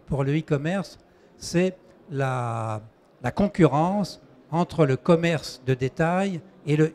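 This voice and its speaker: A man's voice: fairly high pitch, darkish tone, slight background noise. A man moderating a panel discussion, posing questions hesitantly and restarting his sentences.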